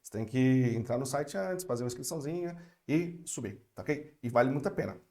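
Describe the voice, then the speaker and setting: A young man from Brazil gives an online French lesson, with a mellow, relaxed tone at a middle pitch. He talks patiently and slows right down to model phrases for his students to repeat. He keeps checking that they are following along. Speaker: French teacher.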